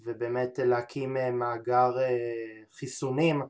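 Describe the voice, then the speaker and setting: A man interviews his guest at an ordinary middle pitch. He talks haltingly and thinks aloud, stringing his thoughts together with frequent fillers and restarts. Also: little pitch movement, darkish tone. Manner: hesitant, many filler sounds and restarts. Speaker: podcast host. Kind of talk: interview conversation.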